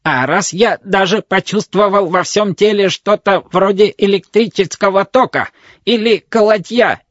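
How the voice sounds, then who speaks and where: A man voicing a fussy, grumbling male wedding robot with a creaky, metallic voice. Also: sits high, dry recording, lo-fi sound, pitched above the performer's own voice. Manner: fussy, complaining, officious.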